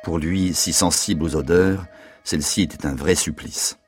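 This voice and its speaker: A man reads a literary text aloud for radio with measured, deliberate pacing. His voice is very low and husky, and faint music sits beneath it. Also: fairly even intonation. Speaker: narrator.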